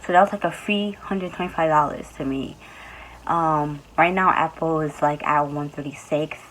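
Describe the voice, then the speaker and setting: Young woman vlog host, sleepy and low-pitched, chatty and loose, faint background noise. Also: moderate pace, fairly bright tone, poor audio. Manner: loose, chatty, with many fillers. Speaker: YouTube host. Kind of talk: casual vlog talk.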